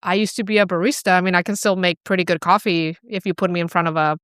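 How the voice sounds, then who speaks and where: A young woman from Chile chats easily as an interview guest, sprinkling her talk with "like" and "you know." Her voice sits a little low and sounds smooth and resonant. It is recorded dry and close. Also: fast, no echo. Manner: relaxed, chatty, many fillers like "like" and "you know". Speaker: client care specialist, guest. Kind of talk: casual interview chat.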